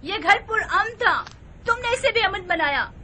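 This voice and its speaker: A proud wife and mother in a dubbed historical drama, sharp and reproachful, in a high voice with faint ambience behind. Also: lively intonation, moderate pace, slight background noise, full character voice.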